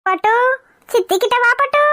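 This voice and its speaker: Sugary cartoon bride-to-be: a woman plays a coaxing young village woman, very high voice. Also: moderate pace, a bit bright, dry recording, studio quality. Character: sweet-talking young bride-to-be, falsely caring.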